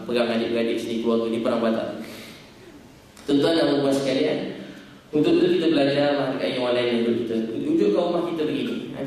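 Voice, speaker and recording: A man's voice: medium pitch, darkish tone, a little hiss or hum. A male preacher giving an earnest, emotional sermon full of stories and rhetorical questions. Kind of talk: religious sermon. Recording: echoey hall, distant mic, faint ambience.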